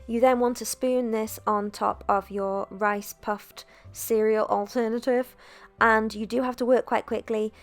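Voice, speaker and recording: A young woman narrating a cooking video in a chatty, relaxed voice-over, with self-deprecating asides. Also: on the high side, unhurried, soft background music. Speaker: cooking vlogger.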